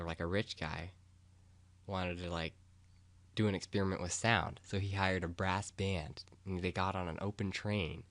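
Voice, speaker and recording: A young man talking in a rambling, casual monologue. He gets excited, loses his train of thought and swears freely. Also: low-pitched, no echo.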